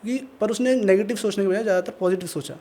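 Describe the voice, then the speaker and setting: A man with a Pahari Hindi accent telling a horror story in a casual, animated, conversational podcast style. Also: high-pitched, fast talker. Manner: animated, conversational, acts out voices. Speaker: storyteller guest. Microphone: podcast mic.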